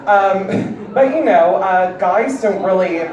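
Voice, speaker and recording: A deep-voiced woman performs stand-up comedy on stage in a large indoor venue, delivering her lines slowly with a wry, deadpan style. The lo-fi recording comes from far back in an echoey hall, with a loud crowd cheering and laughing.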